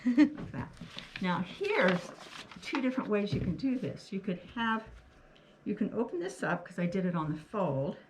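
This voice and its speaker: A woman's voice: mid-range voice, animated, normal speed. A woman speaking through a face mask, giving a casual hands-on craft demonstration and talking along as she works. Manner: homely, talks along while working, often checks with "okay". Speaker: craft tutorial host. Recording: clearly noisy, clicks of handling.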